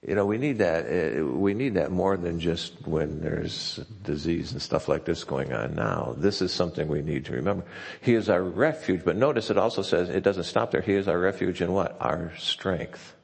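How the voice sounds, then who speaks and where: Preaching a sermon at a moderate pace, a low-voiced male pastor sounds folksy and chatty, stumbling and restarting as he goes. His voice is gravelly and a little husky. A long church-hall reverb trails behind each phrase.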